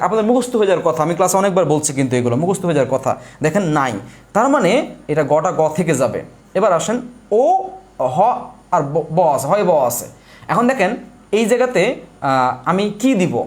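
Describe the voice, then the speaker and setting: A young man giving a live online lesson, explaining step by step while he writes, repeating points and asking questions he answers himself. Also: sits high. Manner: repetitive, asks questions and answers them himself. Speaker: exam prep teacher.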